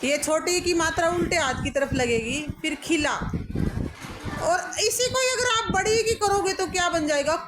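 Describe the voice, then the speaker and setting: A woman's voice: very high-pitched, normal speed. A woman schoolteacher teaching pupils in a classroom, calling on them, praising and correcting their answers. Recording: echoey classroom with music over it.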